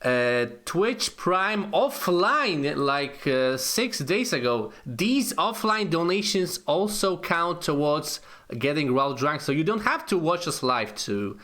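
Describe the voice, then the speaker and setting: Male producer type, raised pitch, running through chat thanks. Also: sing-song, takes it slowly, few pauses, a bit bright. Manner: reads out subscriber thanks. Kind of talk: casual live-stream chat.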